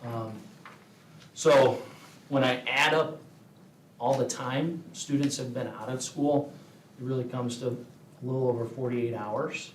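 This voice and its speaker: A man gives a measured meeting report to a school board, with frequent filler pauses. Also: mid-range voice, fairly even intonation, slight background noise. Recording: echoey meeting room, voice from far off.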